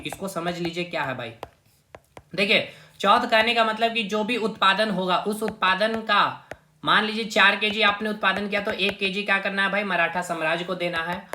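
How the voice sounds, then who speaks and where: A man's voice: high voice, pushed and bright. A man teaching an exam-prep lecture, repeating key terms and checking in with his students as he drills them. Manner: repetitive, drills terms, tags lines with "okay" and "brother". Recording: echoey room with faint noise.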